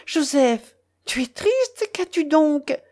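A woman's voice: sits high, very animated, takes it slowly, darkish tone, pitched above the performer's own voice, exaggerated voice. A woman voicing a young heroine, tender and emotional, speaking in a raised, pleading way.

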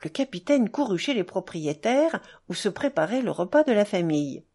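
A woman narrating a literary audiobook in an expressive, measured storytelling manner. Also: mid-range voice.

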